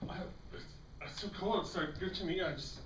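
A man's voice: sits high, quick pace, close to an everyday voice. A man playing a wide-eyed hesitant newcomer. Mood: awkward. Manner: hesitant, rambling, full of "like". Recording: echoey stage from far off, faint noise.

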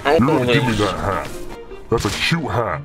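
A man using a voice changer that pitches his voice deep and distorted to play a crude, taunting male Satan in game voice chat, with a gravelly sound. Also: sing-song, normal speed, over music. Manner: taunting, growling threats and mock sweet talk. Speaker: gamer.

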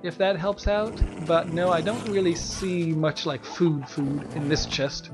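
A man's voice: fairly high pitch, steady tone, measured pace, over music. A man co-hosting a Let's Play, chatting casually in a rambling, self-mocking way and laughing often. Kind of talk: casual gameplay chat.

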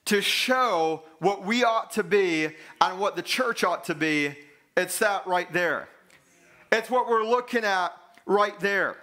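A pastor in his thirties delivers an earnest sermon from a church stage, restating his main points with emphasis. His voice sits high and rings bright and forceful. He paces and gestures as he speaks. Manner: earnest, emphatic, repeats key lines for stress; gestures broadly while walking the stage.

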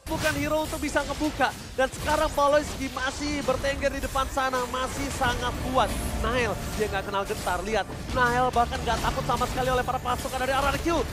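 A man with an Indonesian accent commentating a video game like an excited fighting game announcer, with dramatic drawn-out calls and English catchphrases. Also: very high-pitched. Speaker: esports shoutcaster. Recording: loud music and crowd behind. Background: game music and crowd.

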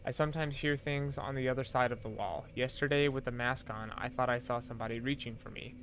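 A frightened researcher's urgent warning letter, read aloud by a man in a mid-pitched, plain voice. The tone is earnest and pressing, with a faint hiss of noise behind it. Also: fairly even intonation, fairly quick, a bit bright, lightly acted.

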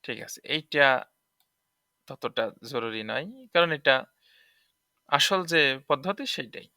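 A man teaches tajweed rules, going over each point again and asking if it is clear. His voice sits a little high and sounds bright. The recording is close and dry. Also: expressive, a little slow, dry recording. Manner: explanatory, repeats points and checks understanding. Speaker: Quran recitation teacher. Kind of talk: tajweed lesson explaining rules.

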